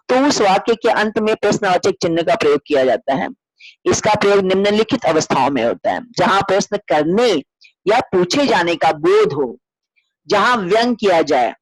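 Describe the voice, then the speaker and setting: A woman's voice: mid-range voice, dry recording, rough recording. A woman school teacher reading out a grammar lesson, explaining steadily and giving spoken examples.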